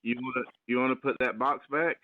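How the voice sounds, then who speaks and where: A man's voice: medium pitch, steady tone, fairly quick. A homeowner, a man, talks bluntly through a doorbell camera speaker, warning someone off his porch. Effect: heard through a doorbell camera speaker. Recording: tinny, distant doorbell camera audio with hiss.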